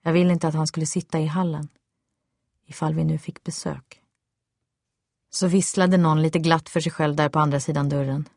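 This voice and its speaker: A Swedish woman reads a first-person story aloud in a steady, tense manner. Her voice is low, and the recording is close and dry with no room sound. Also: long pauses, no room sound. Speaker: audiobook narrator. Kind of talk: first-person memoir narration.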